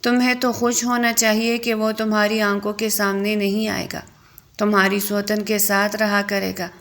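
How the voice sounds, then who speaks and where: A woman's voice: medium pitch, little pitch movement, fairly bright tone, close to an everyday voice. A woman voicing a blunt young man who sternly scolds his crying friend in a story reading. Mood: scolding.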